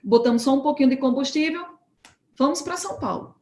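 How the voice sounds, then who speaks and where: A woman preaching at a church home group, telling a testimony as a lively story and acting out the dialogue. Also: high voice, brisk, reverberant. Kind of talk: sermon testimony told as a story.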